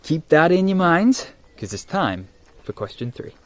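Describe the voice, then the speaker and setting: A man telling a Bible story to camera in an animated, conversational way. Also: fairly high pitch, a little slow, noisy background. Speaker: youth vlogger and interviewer.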